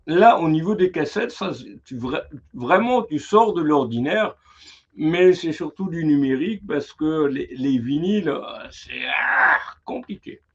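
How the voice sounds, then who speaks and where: Husky halting male host, muffled. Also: fairly high pitch. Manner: halting, searching for words. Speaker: interviewer, live show host. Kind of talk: casual live-stream chat. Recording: muffled lo-fi sound.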